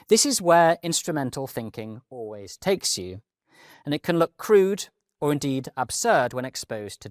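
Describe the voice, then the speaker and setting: A man's voice: fairly high pitch, dry recording, clean studio sound. A posh man in his late thirties, a donnish, articulate professor delivering a prepared academic lecture with rhetorical flourishes. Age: late 30s. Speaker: university professor giving a lecture.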